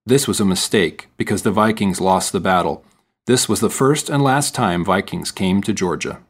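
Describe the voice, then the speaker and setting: Man, low voice, exam narrator, measured, formal reading. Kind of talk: scripted narration for a listening test.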